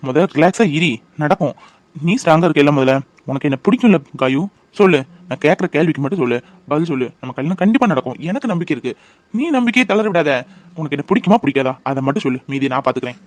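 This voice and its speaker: A man's voice: on the high side, animated, fast talker, dry recording, close to an everyday voice. A man voicing a devoted young fiancé in a cartoon, coaxing and reassuring. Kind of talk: cartoon voice acting.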